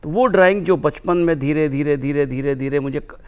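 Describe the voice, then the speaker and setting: A middle-aged man with a slightly high, smooth and resonant voice. He speaks as a cartoonist guest in a reflective interview. His phrasing is lofty and philosophical, and he drops in recited couplets. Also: brisk, a little mellow.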